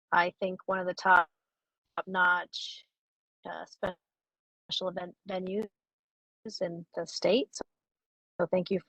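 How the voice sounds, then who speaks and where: A woman's low, flat-toned voice comes through a choppy, breaking-up phone connection. The sound is dry and close, with no room around it, and her remarks come out halting and in short pieces. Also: no room sound. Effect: breaking-up phone line. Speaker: city council member. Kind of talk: public meeting remarks. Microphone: call-in over a bad connection.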